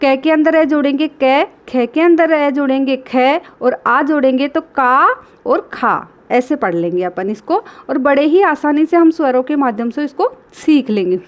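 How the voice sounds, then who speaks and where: A woman teacher gives children a reading lesson, slowly and patiently sounding out syllables and addressing the kids directly. Her voice sits high and is a little mellow.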